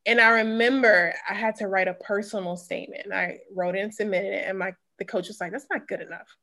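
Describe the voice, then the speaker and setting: This guest, a former sprinter from Mississippi, talks fast in a pushed, bright, mid-range voice while keeping a steady tone. Her Southern Mississippi accent colors the personal stories she tells in a casual interview, full of emphatic asides.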